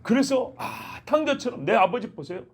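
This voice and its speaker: Korean-style church sermon, man with a fairly high husky voice, slips into little character voices for quotes. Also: animated, normal speed. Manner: acts out little quoted exchanges in shifting voices. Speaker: pastor. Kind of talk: dawn prayer sermon.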